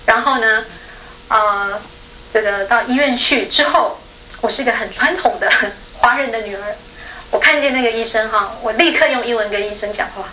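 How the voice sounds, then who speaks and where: A Taiwanese woman with a Taiwanese Mandarin accent and a fairly high voice speaks at normal speed as a panel speaker, chatting through a personal story. She tags sentences with a soft particle and laughs often; the recording is echoey and dull with slight background noise.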